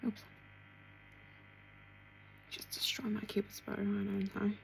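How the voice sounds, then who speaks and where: A woman chatting casually through a makeup tutorial, talking to herself as she works and dropping into soft asides. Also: medium pitch, completely flat delivery, slow pace, gravelly, slight background noise, low-quality recording. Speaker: beauty vlogger.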